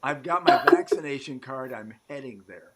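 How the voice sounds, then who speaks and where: American male host, mid pitch, loose rambling live-stream chatter. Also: expressive, normal speed. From United States. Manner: rambling, loud swings in volume, many fillers. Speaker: show host. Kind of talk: casual live-stream interview chat.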